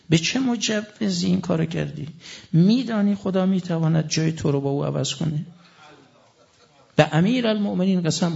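A middle-aged male preacher delivers a sermon with a fervent, insistent drive, reciting scripture between his own words. His voice sits high and carries a gravelly rasp. The recording is muffled and lo-fi. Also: a little mellow. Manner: impassioned, rising to fervent emphasis, recites scripture in Arabic. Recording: dull lo-fi recording.

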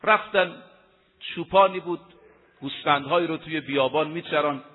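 High-voiced preacher in a tinny echoing hall. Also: male voice, slight background noise. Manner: emphatic, slowly chanting Arabic quotations. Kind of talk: sermon. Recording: tinny lo-fi recording in an echoey hall.

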